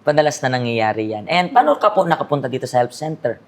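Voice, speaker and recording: Very deep-voiced woman pastor interviewing. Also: sing-song, fast. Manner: mixes English into questions, many "parang" fillers, rephrases the guest's answers back. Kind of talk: church interview.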